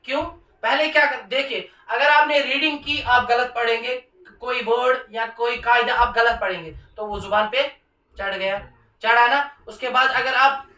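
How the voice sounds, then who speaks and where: A man's voice: very high voice, fairly even intonation, bright, forceful tone, roomy sound, recorded from a distance, low-quality recording. A man teaching Quran reading to a class, stressing points and quizzing his students with repeated questions. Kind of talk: classroom lesson.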